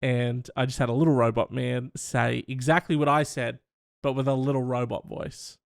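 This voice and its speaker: Gravelly-voiced man joking around casually. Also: medium pitch, flat delivery, normal speed, dry recording, studio quality. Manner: rambling, jokey, swears a lot. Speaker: podcast host. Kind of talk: casual comedic commentary.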